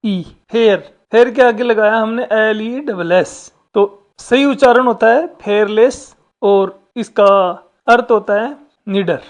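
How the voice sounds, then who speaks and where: A woman's voice: fairly high pitch, takes it slowly, lo-fi sound. A woman teacher, patiently explaining a workbook lesson step by step and talking straight to the children.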